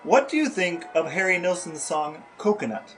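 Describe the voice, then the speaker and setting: With faint music in the background, a man co-hosts a podcast in a high, sing-song voice with a fairly bright tone and a moderate pace. He chats casually and asks playful questions in a wry, mock-serious way.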